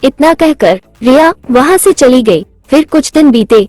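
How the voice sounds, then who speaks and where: A woman narrates a cartoon moral story in a steady, measured storytelling voice. Her voice is high and sounds dry and close. Faint music plays underneath. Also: no room sound.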